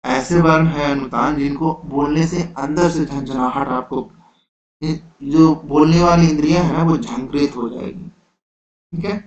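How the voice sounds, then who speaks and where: Slow-talking man teaching a lesson. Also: on the high side, fairly even intonation. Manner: slow, repetitive explaining with frequent "theek hai". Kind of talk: exam-prep lecture. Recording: roomy, dull lo-fi sound.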